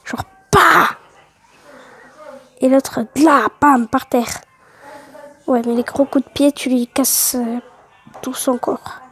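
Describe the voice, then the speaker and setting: A woman's voice: sits high, level tone, measured pace, husky. A woman hosting a casual gaming video, reading quiz questions aloud and answering them offhandedly, often half-whispering. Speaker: video host.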